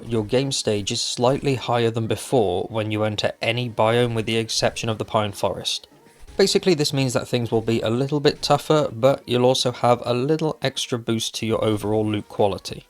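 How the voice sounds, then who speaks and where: A man narrating a scripted top ten countdown style video of game tips, explaining each item clearly with casual asides. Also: mid-range voice. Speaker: gaming video host. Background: music.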